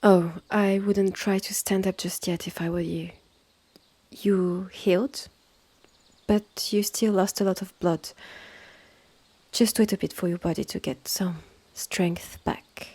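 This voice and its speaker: A woman with a French accent gives a full character voice to a calm, immortal healer and protective elder sister in ASMR fantasy roleplay, her tone caring and wry. Her lowish voice is mellow and breathy, often whispered, slow and soothing, captured in a dry recording.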